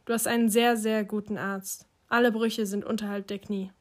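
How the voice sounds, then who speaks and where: A woman voicing a worried, practical middle-aged mother who speaks in a calm, low, gentle way. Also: moderate pace, lightly acted.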